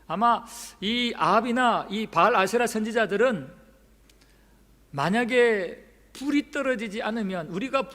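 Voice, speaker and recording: A male pastor preaching a sermon, telling the story with dramatic flair and acting out the quoted lines. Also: sits high. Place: church sanctuary. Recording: long church hall reverb.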